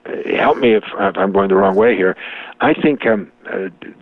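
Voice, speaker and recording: Man, interview guest, rambling, lowish voice, dry thin phone-line sound. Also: moderate pace, creaky, no room sound. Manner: rambling, many restarts and filler words. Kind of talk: conversational interview.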